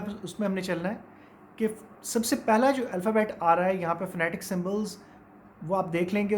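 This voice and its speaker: A man's voice: high voice, slight background noise. A man with a Pakistani accent teaching English pronunciation, explaining casually and mixing English words into his talk. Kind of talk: informal spoken lesson.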